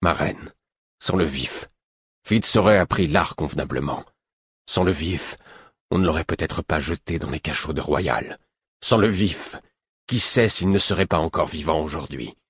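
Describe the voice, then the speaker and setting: A man doing a hoarse, grave older man. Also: rumbling low, normal speed, fairly bright tone, no echo, full character voice. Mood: grave restrained. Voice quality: hoarse, guttural. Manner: restrained, grave, heavy. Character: gruff, stern older man, proud and guilt-ridden.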